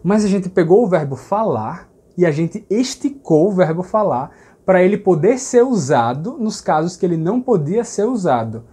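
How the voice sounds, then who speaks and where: A man with a Brazilian Portuguese accent teaching a language lesson, explaining patiently and slowing down to say example phrases. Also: high voice, dark tone, breathy edge.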